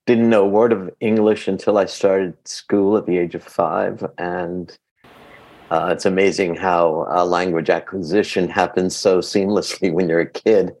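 An actor who is a native Greek speaker and grew up in Queens, New York, from early childhood tells personal stories conversationally as an interview guest. His deep, slightly mellow voice moves a little slowly with fairly even intonation. The recording quality is low.

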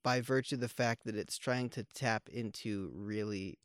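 Podcast co-host, male: easygoing rambler, smooth and resonant voice, close and dry. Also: fairly low pitch, moderate pace, a bit bright, dry recording. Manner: rambling, with many fillers and restarts; joking, wry. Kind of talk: casual conversational film chat.

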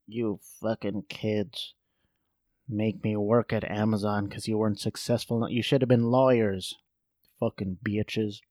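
A man voicing a resentful old grandmother who curses at her family in a low, slow, muttered voice. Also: a little mellow, dry recording, clean studio sound, lightly acted. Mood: bitter. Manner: growling, profane, slow.

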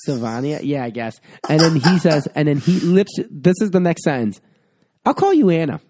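A man's voice: fairly high pitch, moderate pace, a little mellow. A man in casual chat, retelling a story in a profane, exasperated and mocking way.

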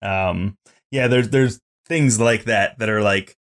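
A man co-hosting a casual podcast, thinking aloud haltingly with many fillers and restarts. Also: fairly low pitch, fairly bright tone. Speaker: podcast co-host. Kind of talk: casual chat reviewing a show.

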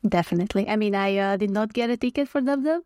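Woman from Croatia as podcast guest, relaxed chat, laughs a lot, dry close mic. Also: medium pitch, quick pace, no echo. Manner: friendly, laughs often, many fillers. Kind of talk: casual chat.

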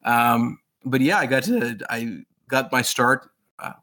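A man's voice: medium pitch, takes it slowly, pushed and bright. A man in his thirties who grew up in Pakistan, an author telling his story eagerly in a casual interview, rambling with fillers and restarts. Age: 30s.

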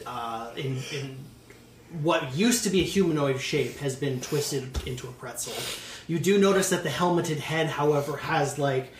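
A man narrating a tabletop role-playing game as game master, in a relaxed, halting way with many fillers. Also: mid-range voice, reverberant, recorded from a distance, slight background noise.

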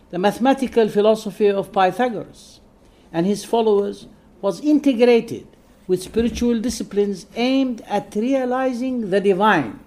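A non-native English-speaking man with a high-pitched voice reads a prepared scholarly lecture. His delivery is measured, with soft hesitations.

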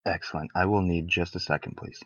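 Player: man with a very low voice, eager and quick, dull lo-fi dry sound. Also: steady tone, fairly bright tone. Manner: quick, eager spell planning. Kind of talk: casual tabletop game play.

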